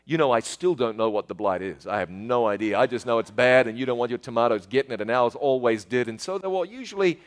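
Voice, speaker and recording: A middle-aged New Zealand man with a mid-range voice tells childhood stories fast and with few pauses. His folksy, chatty reminiscing is aimed straight at the listener, like a storyteller sharing casual memories.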